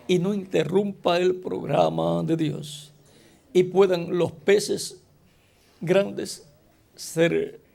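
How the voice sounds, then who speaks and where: Slow, gravelly-voiced male preacher. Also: on the high side, a little mellow. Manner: slow, deliberate preaching with rhetorical questions to the congregation. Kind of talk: sermon.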